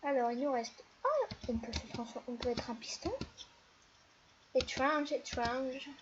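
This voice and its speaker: A woman's voice: high-pitched, measured pace. A teenage girl from France giving playful, chatty let's play commentary, talking to herself and the other players. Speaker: gaming video creator. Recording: dull lo-fi mic with steady noise.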